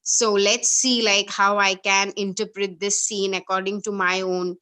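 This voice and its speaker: Brief: woman, bright tone, earnest video-call participant. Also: medium pitch, flat delivery, a little slow, clear, resonant tone. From India. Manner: earnest, enthusiastic.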